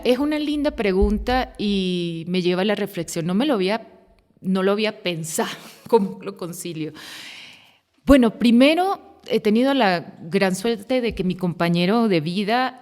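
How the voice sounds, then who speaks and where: A woman's voice: medium pitch, animated, measured pace, a little mellow. A woman, speaking as a podcast guest in an earnest, reflective way, building long sentences as she thinks aloud. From Venezuela. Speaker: guest, women's rights activist. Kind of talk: podcast interview conversation. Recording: long hall-like reverb.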